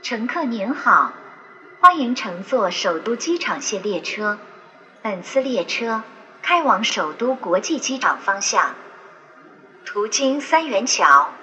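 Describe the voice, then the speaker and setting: A woman's voice: medium pitch, bright, forceful tone. A woman making a formal, scripted subway announcement to passengers as a train announcer. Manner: formal passenger-information delivery. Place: inside an airport express train. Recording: dull noisy train public address. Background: train ambience and clear noise.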